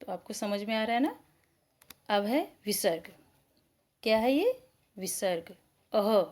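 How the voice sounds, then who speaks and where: A woman teaching a school lesson to children, asking questions and answering them herself, sounding out each letter slowly. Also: mid-range voice, sing-song, darkish tone. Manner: slow, spelled-out pronunciation.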